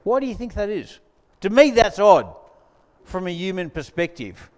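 A man's voice: high-pitched, big pitch swings, normal speed. A man preaching a sermon as pastor, conversational with joking asides to the congregation, on a mic in a church hall. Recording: long hall reverb.

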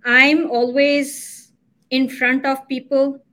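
A middle-aged woman, a company CEO, chatting as a podcast guest, animated and laughing often. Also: sits high, slow pace. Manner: animated, laughs often, acts out her own quotes. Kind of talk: casual interview chat.

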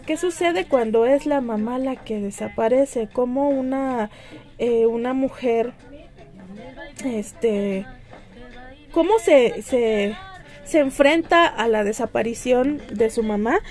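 A woman hosts a podcast in a loose, chatty way, full of fillers and restarts. Her voice sits fairly high with a mellow, warm tone, and faint music plays behind her. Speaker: podcast host. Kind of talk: casual book recommendations.

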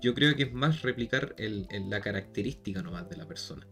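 A man's voice: on the low side, animated, a little fast, fairly bright tone, soft background music. A man with a Chilean Spanish accent in a casual debate, who keeps stressing his point and repeating himself.

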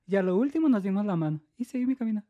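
A woman's voice: mid-range voice, expressive, racing, no room sound, narrow, tinny audio. A woman from northwest Mexico, chatting casually and telling her own story in a chatty way. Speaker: conversation partner. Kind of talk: casual chat.

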